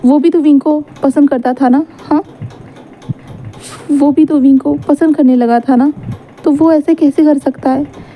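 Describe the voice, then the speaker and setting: A woman's voice: high-pitched, steady tone, measured pace, long pauses, highs cut off, slight background noise. A woman casually narrating a romance fan fiction story. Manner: casual retelling with fillers.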